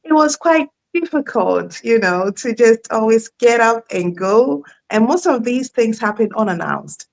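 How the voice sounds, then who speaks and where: A woman's voice: fairly high pitch, expressive, measured pace, gravelly, hardly any pauses, poor audio. A woman in her thirties, a guest in a live online interview, telling her story in a chatty way and laughing often.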